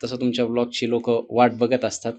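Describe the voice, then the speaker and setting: A man's voice: mid-range voice, monotone, fairly quick, a little mellow. A man hosting an interview, asking long, thoughtful questions in casual talk.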